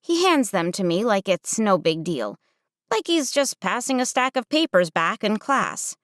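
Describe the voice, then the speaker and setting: A woman narrating a first-person audiobook with wry, expressive storytelling. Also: medium pitch, measured pace, no room sound, studio quality.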